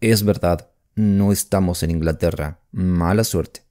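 A man's voice: fairly low pitch, very animated, a little slow, mellow. A man reading an audiobook voices a nervous young English politician who speaks anxiously and pleads for help. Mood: hopeful. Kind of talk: audiobook character voice.

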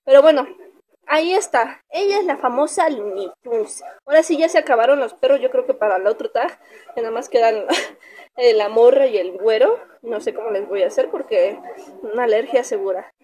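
A young woman vlogger with a Mexican Spanish accent chats casually in a pet vlog, cooing at her dog. Her voice is fairly high and a little mellow, at a moderate pace.

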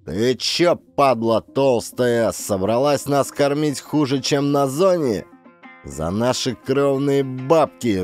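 A man's voice: medium pitch, a little mellow. A man voicing a gang of crude male convicts, with coarse sneering jeers. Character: rowdy crude male labor-camp convicts.

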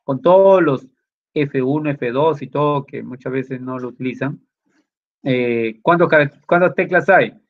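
A man's voice: medium pitch, unhurried. A man teaching a computer class, walking students through each step and checking in with short questions. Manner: explaining step by step, with many tag questions. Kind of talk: classroom lesson. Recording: dull lo-fi sound.

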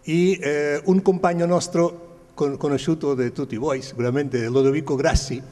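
An older man with a Spanish accent tells his recollections to an audience. His voice sits a little high and he gropes for words as a non-native speaker. It rings through a large hall over a PA. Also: steady tone, dark tone. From Spain. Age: 70s. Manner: halting, searching for words in non-native Italian. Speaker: guest speaker. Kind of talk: informal recollection addressed to an audience. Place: large glass-walled hall, indoors. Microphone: handheld microphone.

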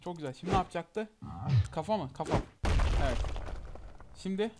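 A man's voice: high voice, animated, fairly quick. A young man giving casual commentary on a game he is playing, talking back at the screen, urging it on and grumbling. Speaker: gameplay commentator. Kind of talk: casual let's-play commentary. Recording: loud background noise.

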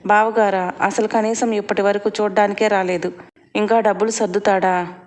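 A woman's voice: mid-range voice, little pitch movement, normal speed, darkish tone, natural voice. A woman reading as a worried, troubled sister-in-law. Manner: troubled, pleading.

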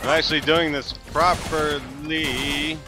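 A man's voice: a little high, steady tone, slow. A man giving sarcastic let's-play commentary, groaning at every hit. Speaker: gamer. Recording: commentary over loud game music.

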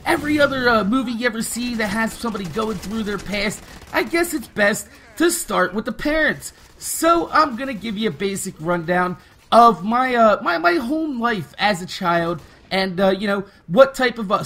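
A man's voice: very high-pitched, bright, forceful tone, a little hiss or hum. A man, talking casually and candidly over gameplay, rambling and swearing freely. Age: 20s. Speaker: gaming YouTuber.

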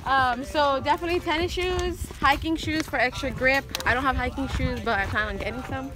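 A woman's voice: high voice, a little fast. A young woman in her twenties giving fitness tips while walking a hillside trail, talking casually with many "um" fillers. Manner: chatty, lots of "um" fillers. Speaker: fitness vlogger. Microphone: camera carried alongside while walking.

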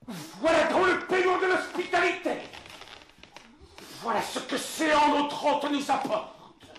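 An actor playing a proud, outraged old nobleman, declaiming verse slowly and indignantly. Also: very high voice, very animated, a bit bright, heavily acted. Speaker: stage actor. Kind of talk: classical verse theatre. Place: theatre stage. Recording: very echoey stage, distant mic, faint hiss.

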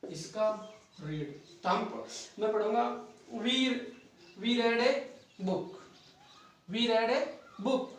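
Male teacher, high voice, classroom drill style, heard from off-mic. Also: distant mic. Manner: asks questions and answers them himself. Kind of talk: classroom grammar lesson. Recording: echoey room, voice from off-mic.

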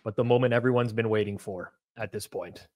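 A man's voice: lowish voice, fairly even intonation, a little fast, a little mellow. A man hosting a sports betting show, building hype and teasing a panelist as he introduces the next pick. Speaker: host.

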